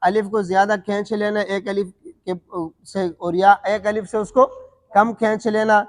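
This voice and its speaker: Man, Quran recitation teacher, asks and answers his own questions, drawn-out letter demonstrations, reverberant hall. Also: high-pitched, level tone. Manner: demonstrates letter sounds slowly. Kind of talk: tajweed lesson.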